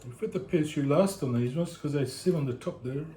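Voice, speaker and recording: At home, a man vlogs while building a computer, muttering his thoughts aloud as if bored, picked up by a camera mic. His voice is on the high side and warm, a little fast. The room echoes and there's a faint hiss.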